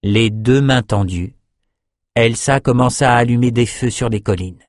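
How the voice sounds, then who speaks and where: A man narrating a fantasy audiobook in a steady, measured storytelling voice. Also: mid-range voice, no echo, clean studio sound.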